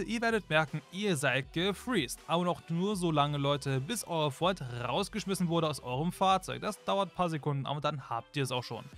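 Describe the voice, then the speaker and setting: A man's voice: a little high, a bit bright. A young man narrating a game tutorial in a chatty way, constantly addressing his viewers. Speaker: gaming YouTuber. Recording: faint music behind.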